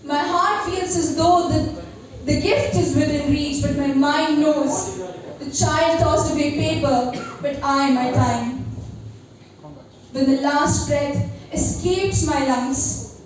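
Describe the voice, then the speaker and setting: A teenage girl with a high voice performs spoken-word poetry in an earnest, dramatic way. Her phrasing is deliberate. She is heard from a distance in a heavily echoing room, with faint noise. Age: teenager, seventeen. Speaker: amateur poet at a first open mic. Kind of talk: spoken-word poetry recital with personal introduction. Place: live open mic venue, recorded from a distance.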